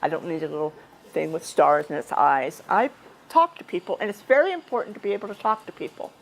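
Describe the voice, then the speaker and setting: A woman's voice: deep voice, big pitch swings, brisk, gravelly, rough recording. A woman giving an informal, chatty speech at a club meeting, talking conversationally with frequent restarts and asides. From United States.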